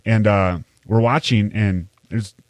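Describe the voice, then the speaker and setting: Low, dry-voiced male podcast host. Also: steady tone, slow pace, dry recording. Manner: rambling, with loose fillers and swearing. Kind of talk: casual storytelling chat.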